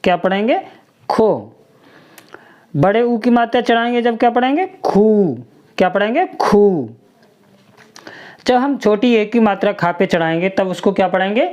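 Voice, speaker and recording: A woman with a medium-pitched, slightly mellow voice teaches the alphabet to children. She slowly sounds out every syllable and asks the listener to repeat it.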